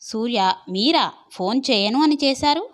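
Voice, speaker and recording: A woman's voice: fairly high pitch, expressive, normal speed, voice pushed up, close to an everyday voice. A woman voicing a shy cheerful young woman.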